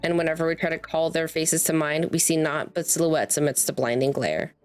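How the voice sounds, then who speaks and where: A woman voicing a motherly, formal guildmaster from a fantasy game, reading the dialogue in a measured way. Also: low voice, steady tone, soft background music, natural voice. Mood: grave, solemn. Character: motherly guildmaster welcoming adventurers, grave and formal.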